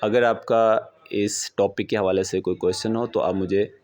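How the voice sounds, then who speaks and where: A man teaching a beginner language lesson, explaining patiently and slowly repeating example words. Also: on the low side, fairly even intonation, darkish tone, a little hiss or hum.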